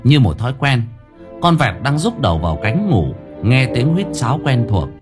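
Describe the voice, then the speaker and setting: A man's voice: mid-range voice, wildly swooping pitch, moderate pace, music in the background. A man narrating a comic audio story playfully.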